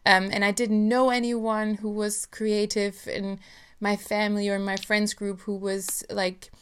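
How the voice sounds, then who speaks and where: A woman's voice: mid-range voice, flat delivery, a little slow, smooth. A woman hosting a casual interview, speaking in an effusive, gushing manner. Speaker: podcast host.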